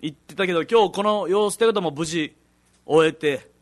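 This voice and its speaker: A man's voice: sits high, no room sound. A man co-hosting a casual radio chat with a Kansai accent, firing back exasperated, joking retorts. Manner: exasperated retorts, quick comic complaints. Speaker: radio show co-host.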